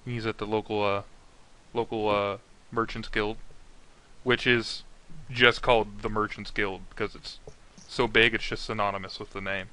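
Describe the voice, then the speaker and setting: A man narrating a tabletop game as game master, casual and halting with many fillers. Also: fairly low pitch, little pitch movement, pushed and bright.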